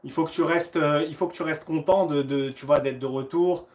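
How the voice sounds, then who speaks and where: A friendly, chatty man hosts a live question-and-answer stream, talking straight to his viewers. His voice sits a little high for a man, and he speaks into his phone in an easygoing coaching tone. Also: steady tone, a little fast, a little mellow. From France. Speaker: karate coach hosting a live Q&A. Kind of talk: casual live-stream chat.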